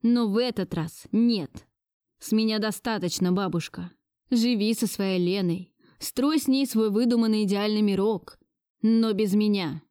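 A woman's voice: medium pitch, a little slow, dark tone, clean tone, no room sound, studio quality, close to an everyday voice. A woman voicing a defiant young man who bitterly stands up to his grandmother. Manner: bitter, resolute outbursts. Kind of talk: audiobook dialogue reading.

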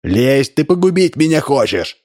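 A man's voice: medium pitch, very animated, moderate pace, a little mellow, pitched above the performer's own voice. A man reading a story aloud voices a frightened, evasive male double of the hero who panics and pleads. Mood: panicky. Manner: nervous, hissing, pleading.

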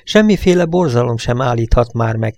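A man playing a gruff, impatient truck driver. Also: mid-range voice, lively intonation, a little mellow, no echo, natural voice. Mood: stern. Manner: gruff and scolding.

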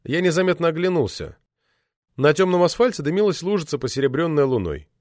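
A man narrates a novel in an expressive, measured reading. His voice sits fairly high and moves freely in pitch. The recording is dry and close to the mic. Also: dry recording. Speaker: audiobook narrator. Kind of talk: literary audiobook narration.

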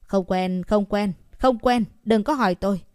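A woman's voice: mid-range voice, darkish tone, clear, resonant tone, dry recording, studio quality, close to an everyday voice. Woman doing a wary old grandmother. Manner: guarded, slow, repetitive.

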